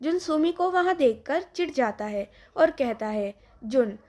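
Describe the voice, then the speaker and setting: A woman with a high, light voice narrates a family drama. She reads in a plain, steady way, with no flourishes. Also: measured pace. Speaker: storyteller. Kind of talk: scripted story narration.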